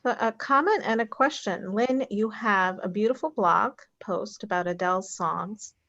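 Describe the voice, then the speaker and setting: A woman's voice: medium pitch, normal speed, fairly bright tone, dry recording, highs cut off. A woman interviewer reading out audience questions briefly over a video call. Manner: brief, reads questions aloud. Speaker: interviewer, fellow author.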